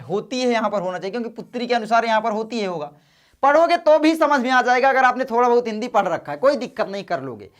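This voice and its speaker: A man tutors students through an exam paper in a loose, conversational way, peppering his explanations with quick check-ins. He stays easygoing and encouraging. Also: very high-pitched, a bit bright. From northern India. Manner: casual, chatty, addresses students as brothers. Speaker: teacher.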